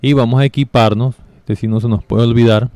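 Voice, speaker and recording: A man giving casual step-by-step commentary over a game walkthrough, relaxed and explaining with fillers. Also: medium pitch, fairly quick, dry recording. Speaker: gameplay guide narrator.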